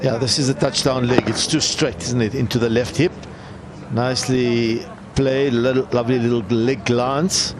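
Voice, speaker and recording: A man's voice: medium pitch, level tone, normal speed. A man commentating on cricket, explaining the play in a conversational way. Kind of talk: live sports commentary and replay analysis. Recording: loud outdoor and vehicle noise.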